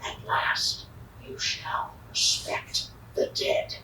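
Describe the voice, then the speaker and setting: A man voicing an ominous spirit from beyond in a Halloween audio drama, with a solemn, menacing delivery. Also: very slow. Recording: echoey, distant, noisy.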